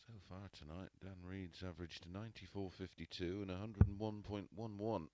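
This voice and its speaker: A man's voice: deep voice, steady tone, fairly quick, warm tone, slight background noise. A man giving live darts commentary, describing play and players' statistics.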